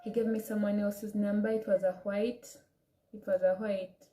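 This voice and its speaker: A woman's voice: mid-range voice, little pitch movement, moderate pace, mellow, roomy sound, a little hiss or hum, rough recording. A young woman with an African accent telling a personal story in a casual vlog, chatty, with many restarts and quoted asides. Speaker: vlogger.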